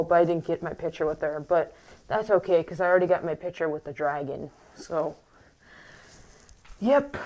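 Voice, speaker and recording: A young woman vlogging in a casual, rambling monologue full of fillers and restarts, her voice a little squeaky from the morning and talking through a mask. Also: a little mellow, rough recording. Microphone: wearing a mask.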